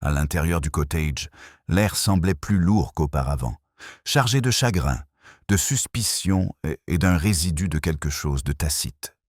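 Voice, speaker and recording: Male audiobook narrator, very low, husky, slow even mystery reading. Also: dry recording, studio quality. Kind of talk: scripted narration of a mystery story.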